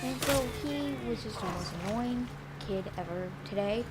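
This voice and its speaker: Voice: medium pitch, animated, normal speed. Young kid, casual storytelling, exasperated and sarcastic, quoted dialogue, noisy home-made recording. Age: child or young teen. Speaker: vlogger.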